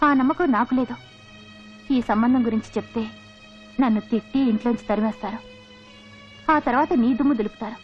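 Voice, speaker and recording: An actress playing a firm, grave elder sister-in-law who refuses a marriage, on a dull old film soundtrack. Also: female voice, a little high, a little fast, long pauses, soft background music, close to an everyday voice.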